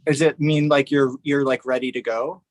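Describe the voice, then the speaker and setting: A man's voice: mid-range voice, fairly even intonation, moderate pace, no echo. A man hosting a podcast in casual interview chat, easygoing and laughing a lot, filling with "like" and "you know". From Canada. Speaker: podcast host.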